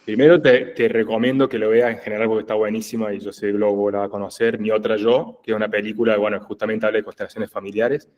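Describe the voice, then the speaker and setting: A man's voice: lowish voice, little pitch movement, quick pace, few pauses, darkish tone. A man with a Rioplatense Spanish accent explains conversationally as a group facilitator, in a didactic way, often checking that he is understood. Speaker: group facilitator in family constellations.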